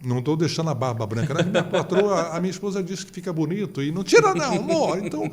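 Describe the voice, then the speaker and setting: A Brazilian-accented man in his fifties tells stories as a seasoned radio announcer. His voice sits a little high and swoops widely in pitch. He mimics the people he quotes as he goes. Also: quick pace. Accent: Brazilian Portuguese. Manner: animated, acts out quoted voices. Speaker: veteran radio announcer, podcast guest. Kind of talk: storytelling in a casual interview.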